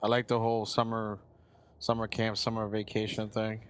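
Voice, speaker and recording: A man's voice: lowish voice, completely flat delivery, moderate pace, smooth. A man co-hosting a casual podcast, rambling with restarts and casual swearing. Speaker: podcast co-host. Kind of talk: casual chat.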